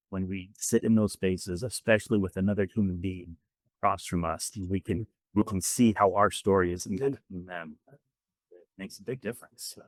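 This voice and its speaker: A man's voice: on the low side, no echo. A man who is a podcast guest, explaining ideas earnestly through stories in a conversational interview, close to the mic. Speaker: guest speaker, debriefer of fieldworkers.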